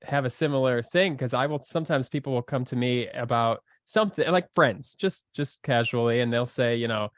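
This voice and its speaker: A man's voice: medium pitch, fairly quick, few pauses, dry recording, studio quality. A man talking as a podcast guest in casual conversation, earnest and searching for his words with many fillers.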